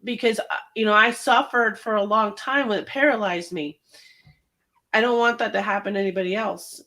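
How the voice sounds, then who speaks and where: Woman, veteran guest, earnest, laughs a lot, mid pitch. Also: steady tone, brisk, bright, forceful tone. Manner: earnest, laughs often, restarts. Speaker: veteran guest, life experience coach. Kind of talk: casual interview talk.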